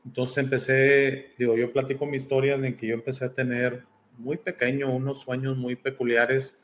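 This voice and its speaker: A man's voice: medium pitch, flat delivery, normal speed, a bit bright. Hesitant man in a casual interview. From born in Italy, raised in Mexico. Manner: thoughtful, hesitant with many fillers. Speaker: guest, podcast host.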